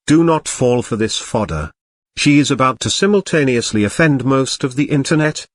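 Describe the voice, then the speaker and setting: A man voicing a robot cat who gives formal, dry, disapproving commentary over clips, with a lively pitch. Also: normal speed, no room sound, natural voice.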